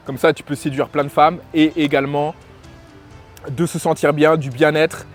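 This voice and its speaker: With soft music in the background, a French lifestyle and dating coach vlogs his casual opinions in a slightly high voice and a level tone. His delivery is halting, with many fillers and restarts.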